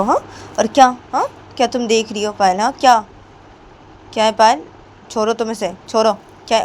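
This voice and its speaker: A woman voicing a quick-tempered older woman who scolds loudly and fires off repeated questions. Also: mid-range voice, slight background noise, pitched above the performer's own voice, close to an everyday voice. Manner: loud, hectoring, repeats questions.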